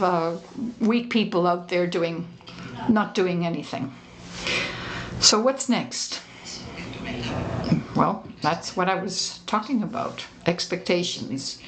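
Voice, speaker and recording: A woman from Spain, giving a motivational conference talk in a humorous, teasing way, tossing rhetorical questions to the audience. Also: medium pitch. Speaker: conference speaker. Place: conference stage.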